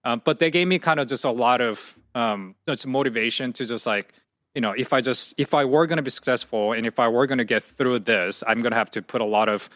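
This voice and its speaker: A man's voice: medium pitch, brisk, a bit bright, no room sound, studio quality. A young man, a guest telling his story thoughtfully in a casual interview, with many fillers and restarts. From South Korea. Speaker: guest, entrepreneur.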